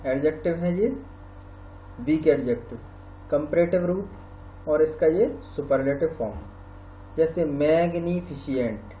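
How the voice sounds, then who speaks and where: A man teaching a grammar lesson, explaining slowly and repeating the example words aloud. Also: fairly high pitch. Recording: roomy, dull lo-fi with faint hum.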